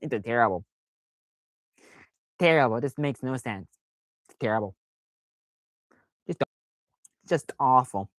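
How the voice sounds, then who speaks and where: A man's voice: mid-range voice, expressive, unhurried, long pauses, dry recording. A man hosting a casual live stream, talking in a rambling, self-deprecating way with lots of fillers.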